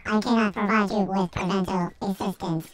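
A woman's voice: mid-range voice, steady tone, a little fast. Woman doing a stiff robotic voice. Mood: robotic, deadpan. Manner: literal, formal wording without contractions. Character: stiff formal robot, talks in flat literal sentences. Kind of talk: role-play during online gaming.

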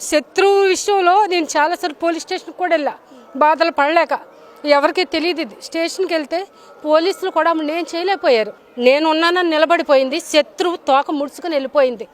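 A tearful woman pours out a devotional testimony in a high, quick voice. Her words tumble out fervent and pleading, each point pressed home with emphasis. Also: a little hiss or hum. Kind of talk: emotional testimonial to a reporter. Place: temple grounds.

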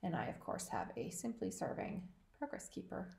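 A woman's voice: lowish voice, big pitch swings, normal speed, gravelly, a little mellow, echoey room. A woman co-hosting a podcast, chatting casually and enthusiastically about knitting. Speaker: podcast co-host.

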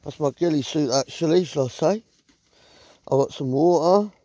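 A middle-aged man with a southern English accent rambles bluntly and swears a lot in a casual vlog, filming himself on a handheld phone held close inside a small tent in the woods at night. His voice sits on the high side, moves at a normal speed and sounds warm, with no room sound.

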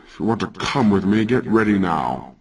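A man's voice: on the low side, animated, moderate pace, vocal fry, distant mic. A man voicing a huge, sleepy male giant who talks in a lazy, offhand, condescending way. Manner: lazy, mumbling, patronizing. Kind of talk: storytelling character voice.

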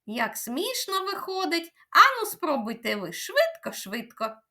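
A woman preschool teacher from Ukraine, leading a children's speech lesson in a slow, sing-song teacherly way and stretching out her words. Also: very high voice, very animated, sharp tone.

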